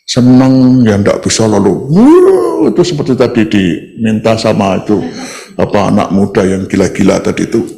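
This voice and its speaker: A retired pastor, giving a folksy sermon with self-deprecating humor. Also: male voice, fairly low pitch, steady tone, moderate pace, vocal fry, dark tone. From Indonesia. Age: 70s.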